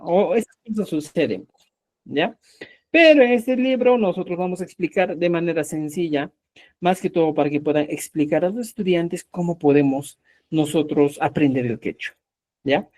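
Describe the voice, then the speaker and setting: A man's voice: high-pitched, moderate pace, darkish tone. A man teaching a live online language class, explaining step by step and often checking in with his students. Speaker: Quechua teacher.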